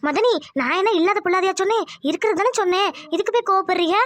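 A woman voicing a scheming, sharp-tongued middle-aged village aunt in a cartoon, with a needling, indignant way of talking. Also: very high-pitched, fast talker, no room sound. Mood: grievance. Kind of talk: cartoon dubbing.

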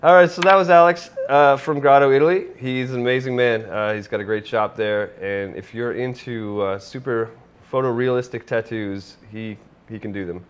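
A man in his thirties hosting an online tattoo show, talking in a relaxed, friendly way with fillers. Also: mid-range voice, moderate pace, a little hiss or hum. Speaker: host. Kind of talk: casual interview host. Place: indoor studio room.

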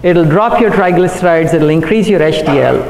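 A middle-aged man, a cardiologist, giving an earnest conference talk at a podium microphone, talking quickly with fillers and self-corrections. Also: a little high, gravelly, a little mellow. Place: large hotel conference room. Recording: echoey hall, recorded from afar.

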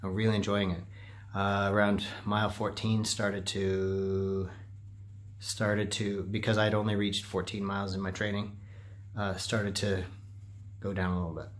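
A man's voice: on the low side, flat delivery, unhurried. A middle-aged man recording a casual personal vlog on a handheld phone, rambling and self-deprecating as he talks. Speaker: running vlogger. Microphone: phone at arm's length.

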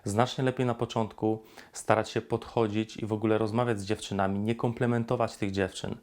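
A man's voice: lowish voice, level tone, a little fast, a little mellow. A man giving dating advice straight to the viewer as a coach, in an instructive way, acting out sample lines. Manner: instructive, addresses viewer directly, acts out pickup lines. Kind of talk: direct-to-camera advice talk.

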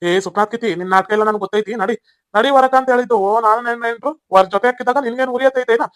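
Voicing a smug, swaggering cheating husband, a rich village man in a cartoon comedy, a performer speaks with a North Karnataka Kannada accent and a scornful mood. The mid-range voice is rapid-fire, a bit bright, smooth and natural, recorded dry with soft background music.

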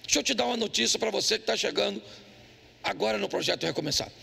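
High, gravelly pastor joking. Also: male voice, fast, sharp tone. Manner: joking storyteller, quizzes the congregation. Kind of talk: humorous sermon. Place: church.

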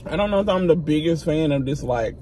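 A man's voice: fairly high pitch, animated, a little fast, mellow, a little hiss or hum. A man casually reviewing desserts in a vlog, talking while biting into cake in a chatty, slangy way. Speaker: food reviewer.

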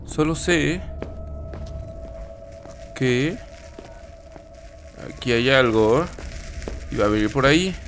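A man's voice: medium pitch, animated, slow pace, pauses often, a bit bright, slight background noise. A young man commentating a horror game as he plays, reacting with swearing and nervous laughs. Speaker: gaming YouTuber.

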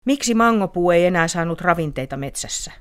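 A woman's voice: lowish voice, expressive, background noise, voice pushed up, natural voice. A woman voicing Otus, a kind, furry, winged forest creature who asks questions plaintively. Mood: anguished.

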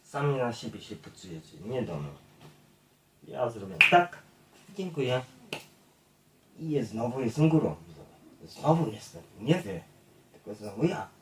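A man delivers a blunt, profanity-laced monologue straight to his viewers, addressing them again and again. His voice sits at an ordinary male pitch. He is some distance from the mic in an echoey room. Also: big pitch swings, a little slow, long pauses, noisy background. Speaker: YouTube streamer.

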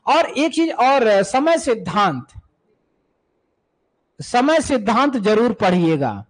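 A man's voice: extremely high pitch, very animated, slow, rough recording. A man coaching students for music teacher exams, who repeats key terms and speaks to students as "beta" while answering viewer questions.

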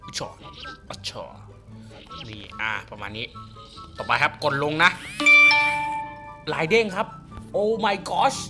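Excitable man commentating a game. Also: a little high, slow, pauses often, loud music behind the voice. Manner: excitable, exclaims and gasps often. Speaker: game reviewer. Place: home beside a busy road.

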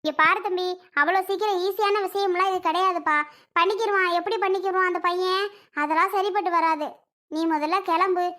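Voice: very high-pitched, fairly even intonation, brisk, bright, forceful tone. A performer voicing an older village mother in a Tamil cartoon drama, begging a man to leave her daughter alone and repeating her pleas. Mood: pleading.

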